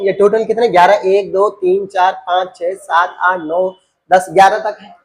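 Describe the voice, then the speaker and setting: Male Hindi grammar teacher quizzing students. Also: high voice. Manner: rhetorical questions, repeats key terms for students; addresses students as beta and babu.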